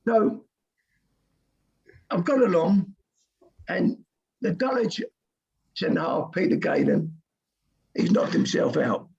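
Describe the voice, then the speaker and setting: Older man, very gravelly, raspy, losing his voice, storytelling, dry humour, muffled sound. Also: sits high, darkish tone. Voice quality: gravelly, husky voice. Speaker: guest, goalkeeping coach. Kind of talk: casual storytelling on a podcast. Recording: muffled lo-fi stream audio.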